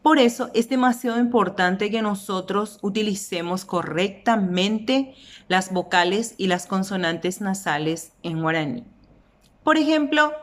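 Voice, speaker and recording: Paraguayan woman teacher, unhurried and deliberate, spells out words for learners. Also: medium pitch. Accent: Paraguayan Spanish. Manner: slow, deliberate, stretches out example words. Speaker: language teacher. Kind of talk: explanatory lesson.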